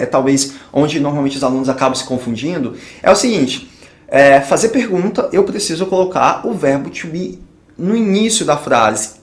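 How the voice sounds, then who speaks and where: A man teaching an English grammar lesson at a whiteboard. He explains patiently, checks in with the viewer after each point, and slows down to pronounce the example phrases. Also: a little high. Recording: echoey room.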